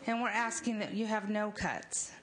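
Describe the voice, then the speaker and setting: Halting woman speaking over crowd noise. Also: mid-range voice, fairly even intonation. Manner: slow, halting, deliberate. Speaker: member of the public testifying. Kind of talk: public testimony. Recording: busy crowd noise around the mic.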